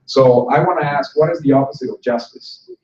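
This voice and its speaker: A man gives a conversational conference talk to instructors in a conference room, joking with the audience now and then. His mid-range voice is a little fast and darkish. A distant mic picks up roomy hall sound that is dull and slightly noisy.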